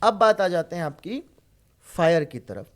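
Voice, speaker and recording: A man's voice: high-pitched, sing-song, measured pace. Man explaining Vastu colours, checking "right?". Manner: instructive, checks in with "right?" and "isn't it?". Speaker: Vastu consultant guest. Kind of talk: explanatory interview talk.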